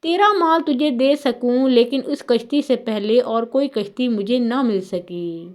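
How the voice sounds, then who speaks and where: A woman narrating religious stories in a calm, measured, scripted way. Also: fairly high pitch. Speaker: storyteller.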